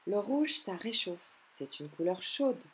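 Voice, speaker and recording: A woman voicing a sweet, thoughtful little girl squirrel in a storybook, in a gentle, lilting child's manner. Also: mid-range voice, very animated, unhurried, slightly rough, full character voice, low-quality recording.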